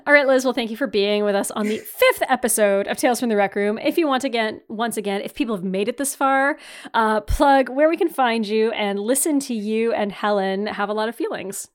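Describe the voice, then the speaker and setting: A woman's voice: fairly high pitch, fairly quick. A woman in her thirties hosting a podcast, talking casually and enthusiastically, with plenty of "like" and some swearing. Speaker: podcast host. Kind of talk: casual chat.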